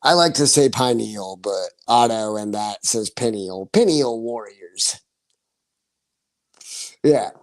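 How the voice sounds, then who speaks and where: A man's voice: on the low side, animated, slow, pauses often, no echo. A man in his forties chatting casually on his livestream, rambling, laughing often and swearing freely. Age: 40s. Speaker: livestream host.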